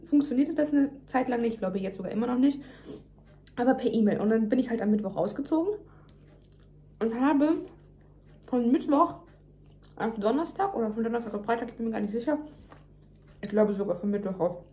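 A woman's voice: a little high, dark tone, slight background noise. A young woman venting emphatically in casual chat to her viewers, talking while chewing. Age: young adult. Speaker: vlogger. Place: home kitchen, indoors.

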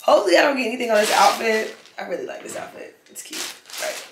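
A woman's voice: fairly high pitch, huge pitch swings, fast talker. A young woman vlogger chatting casually to camera while she eats, loose and slangy with plenty of swearing. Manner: loose, slangy and swearing, chewing between lines. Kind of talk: casual mukbang chat to camera. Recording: echoey room, faint background noise.

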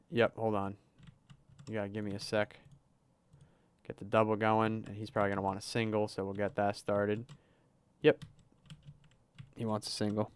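A man's voice: on the low side, clear, resonant tone. A man livestreaming a cooking game, chatting casually as he plays, narrating his moves and reading chat aloud. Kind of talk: casual gameplay livestream commentary.

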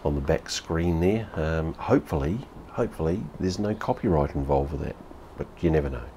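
Speaking a little fast in a very deep, mellow voice, with a little hiss or hum, a New Zealander in his fifties reviews beer at home. His casual vlog, shot in a room with a TV behind, is blunt, sweary, and repetitive.

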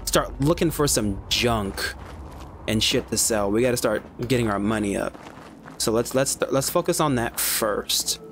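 A man streams a video game, chatting in a laid-back way and swearing freely as he plays. His mid-range voice has a fairly bright tone and a measured pace, with faint music behind him.

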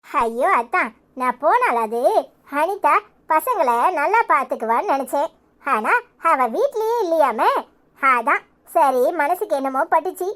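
A woman playing a gentle young village mother, soft and apologetic, in a Kanyakumari Tamil accent. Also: high-pitched, expressive, unhurried. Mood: meek. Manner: soft, meek, tender.

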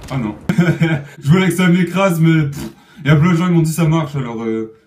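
A man giving excitable gameplay commentary, swearing and yelling at opponents as he plays. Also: on the high side, moderate pace, far from the mic, slight background noise. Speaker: gamer. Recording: echoey room, voice off-mic, music underneath.

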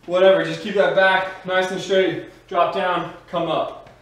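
A man's voice: high-pitched, little pitch movement, measured pace. A man working as an aerobics instructor, coaching a workout with motivational urging and short called-out cues while exercising. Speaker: fitness instructor. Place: small home gym with bare walls, indoors. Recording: echoey room, distant mic, faint noise.

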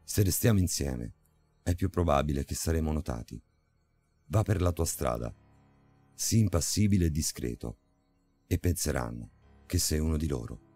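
A man voicing a detached, weary male stranger in a spoken horror story, flat and quiet. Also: rumbling low, normal speed, long pauses, faint music behind. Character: cold, detached male stranger who lives in the subway.

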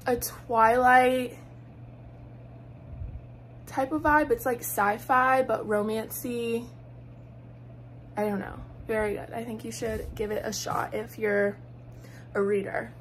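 A woman's voice: fairly high pitch, slight background noise. A young woman, chatting casually to camera in a vlog, upbeat and full of "like". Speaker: vlogger.

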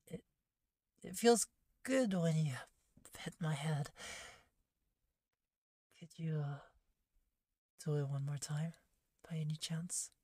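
A woman voicing a shy, flustered catgirl maid in a soft-spoken ASMR role-play, timid, hushed and halting, close to the microphone. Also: on the low side, animated, gravelly, slightly rough, dry recording, exaggerated voice. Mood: flustered, needy. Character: shy, flustered catgirl maid waitress craving head pats. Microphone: close, dry microphone.

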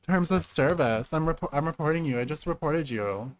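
A man near forty narrating his game session with sass and theatrical flair. His voice leaps from low muttered asides to high squeals, with a lively, swooping pitch. A faint hiss sits under the close mic. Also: fairly quick. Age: late 30s. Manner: sassy, dramatic, calls everyone girl. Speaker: gaming streamer. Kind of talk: casual game commentary.

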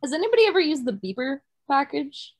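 A woman with a fairly high voice chats animatedly on a video call, jumping in to point out mistakes. She sounds casual and eager. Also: poor audio. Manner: chatty, quick to help, animated. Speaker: book club participant.

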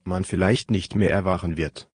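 Man reading a terse loyal helper, low, dry, halting broken phrases. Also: darkish tone, slightly rough, no room sound. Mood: grave. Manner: clipped, slow halting phrases. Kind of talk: audiobook reading.

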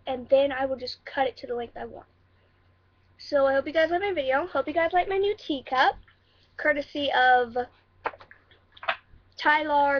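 A woman's voice: high-pitched, highs cut off. A young woman chatting casually in a cosplay vlog, rambling and giggly.

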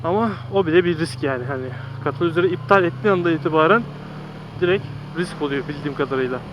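A man's voice: a little high, fast, dull audio, background noise. A man chatting informally to viewers from inside a motorcycle helmet. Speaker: motorcycle vlogger. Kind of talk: casual chat to viewers while riding and doing small tasks. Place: outdoors on a motorcycle.

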